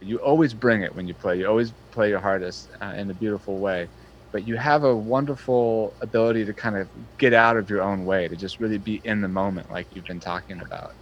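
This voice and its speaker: A man's voice: on the low side, fairly quick, dull audio, a little hiss or hum. A man interviewing a fellow musician in casual chat, earnest and appreciative, with many fillers and restarts.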